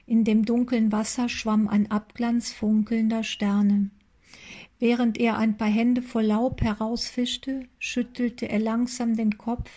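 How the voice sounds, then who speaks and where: Woman narrator, scripted story reading, measured delivery, mellow tone, slow. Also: on the high side.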